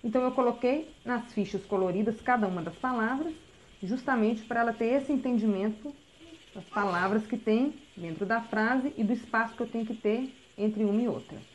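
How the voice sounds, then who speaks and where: A woman, a literacy teacher giving a recorded lesson and explaining patiently step by step, often checking in with a quick "tá?". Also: fairly high pitch, a little hiss or hum, rough recording.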